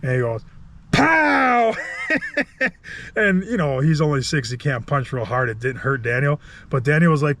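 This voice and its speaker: A man in his thirties, a contractor vlogging casually from an outdoor building site, telling a story with a chatty, laughing manner. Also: a little high. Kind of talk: casual vlog talk to camera.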